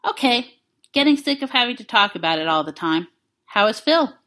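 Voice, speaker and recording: A woman reading the lines of a guilt-ridden male agent who talks in a subdued, halting way. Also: fairly high pitch, big pitch swings, a bit bright, pitched above the performer's own voice.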